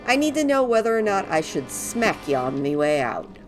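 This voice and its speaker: A woman's voice: medium pitch, sing-song, moderate pace, soft background music, pitched above the performer's own voice, lightly acted. A woman voicing a jaunty, blustering little male dwarf adventurer in a theatrical, folksy game-quest manner. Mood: blustering, relieved. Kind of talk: reading game quest dialogue in character.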